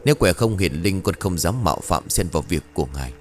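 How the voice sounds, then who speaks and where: A man voicing a stern, gruff old village sorcerer in a ghost story. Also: low-pitched, lively intonation, fairly quick, slight background noise. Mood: solemn. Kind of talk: audio ghost story reading.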